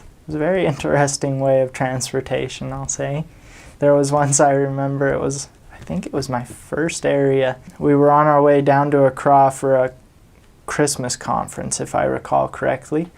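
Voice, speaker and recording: A man's voice: medium pitch, creaky, a little mellow. A young man from the United States casually telling anecdotes as a vlogger, chuckling often as he recalls them. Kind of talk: casual storytelling.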